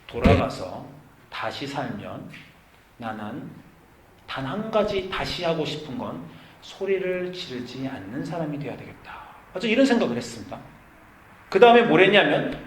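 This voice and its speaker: A middle-aged man preaching a sermon as pastor, his delivery swinging from near-shouting to hushed. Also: fairly high pitch, a little hiss or hum. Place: church sanctuary. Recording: echoey church room.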